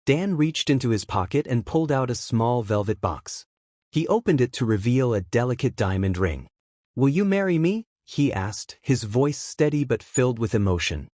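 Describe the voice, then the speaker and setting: Storyteller casting: man, lively-pitched scripted narration, dry close sound. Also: no echo.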